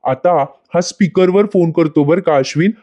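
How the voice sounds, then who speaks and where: A man's voice: a little high, moderate pace, warm tone, muffled recording. A man narrating an episode recap, speaking straight to viewers. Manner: addresses viewers directly. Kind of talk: casual retelling of a TV episode.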